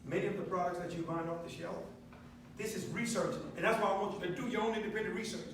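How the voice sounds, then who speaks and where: Pitching a product to a live crowd in a meeting room, a man takes on an emphatic, preacher-like style with call and response, questioning his listeners. His pace is quick, his intonation fairly even, and the sound is distant, echoey, and noisy.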